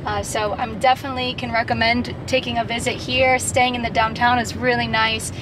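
A woman's voice: on the high side, little pitch movement, brisk, noisy background. A young woman from South Florida, narrating a casual travel vlog in an upbeat, chatty way. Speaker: travel vlogger.

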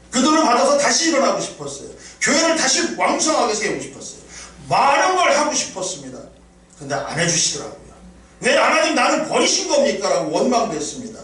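A man's voice: high-pitched, a bit bright. A middle-aged man preaching a sermon as a pastor. He speaks emphatically and rises into quoted prayers. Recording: echoey hall from far off, faint noise.

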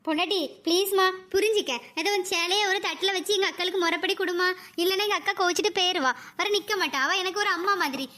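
A woman's voice: very high-pitched, fast talker, hardly any pauses, pushed and bright, voice pushed down. A woman voicing a young husband in a cartoon story, who coaxes and then gives harsh orders. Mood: pushy. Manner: coaxing pleas turning to harsh orders.

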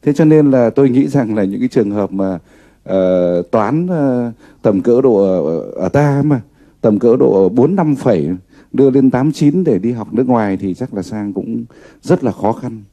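A man who is a teacher and guest expert, explaining with measured, hesitant phrasing. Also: medium pitch, animated, dark tone, dull audio. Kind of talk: studio discussion.

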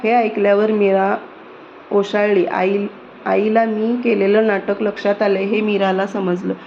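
A woman narrating a children's story in a steady storybook reading. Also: medium pitch, unhurried. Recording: dull lo-fi recording with faint noise.

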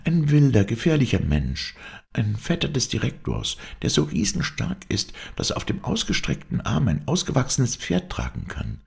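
A man's voice: medium pitch, wildly swooping pitch, normal speed, vocal fry, voice pushed up, full character voice. A man voicing a spirited young woman circus rider in an audiobook, talking in an urgent, playful rush. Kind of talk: audiobook character voice.

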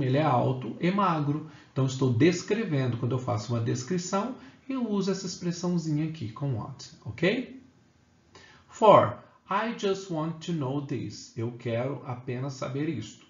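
A man teaching an English grammar lesson to Portuguese speakers, explaining step by step and checking in with "né?" and "ok?". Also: a little high. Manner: explains step by step, often adds "né?" and "ok?". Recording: echoey room, slightly dull sound.

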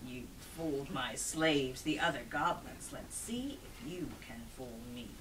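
Woman voicing a slow, menacing goblin king. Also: distant mic, slight background noise, low-quality recording. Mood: gloating threat. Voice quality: cracking, bone-like, hushed then booming. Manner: slow, pompous, taunting.

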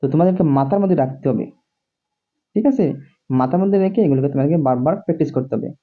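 A man's voice: fairly high pitch, racing. A man teaching English reading in a video lesson, drilling words again and again and asking the viewer whether they see. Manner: repetitive, drills words over and over. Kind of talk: classroom-style video lesson. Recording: dull lo-fi recording.

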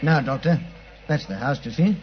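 An actor playing a weary, deferential British police inspector in a 1950s radio drama, chatty and raspy. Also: male voice, a little high, expressive, moderate pace, a little hiss or hum, lightly acted. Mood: confiding, matter-of-fact. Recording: dull, muffled 1950s radio recording.

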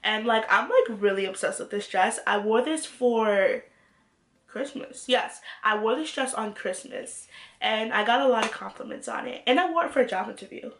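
Congested from a cold, a young fashion haul vlogger chats to camera and gushes over each clothing piece. Her fairly high voice is animated and a bit bright at a moderate pace, with a roomy sound from the small room and its glittery backdrop.

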